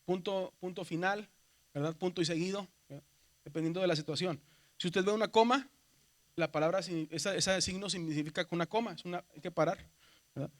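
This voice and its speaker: A middle-aged man lectures a seminary class, his voice sitting fairly high. He explains step by step and keeps asking the room whether they follow. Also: fairly quick. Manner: explains patiently, often checks understanding with "verdad". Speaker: seminary Greek teacher.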